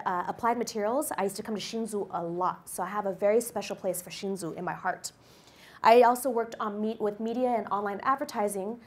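Upbeat woman lecturing on stage. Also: mid-range voice. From United States. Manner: lively storyteller with an upbeat, personal delivery. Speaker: company executive giving a guest lecture. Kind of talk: presentation to a university class. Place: lecture hall stage with a projection screen. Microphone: handheld microphone.

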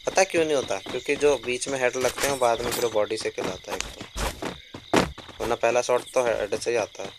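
Young male gamer chatting over noise. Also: mid-range voice. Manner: chatty, quick bursts of excitement and grumbling. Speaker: gaming streamer. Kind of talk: casual gameplay commentary. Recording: loud background noise.

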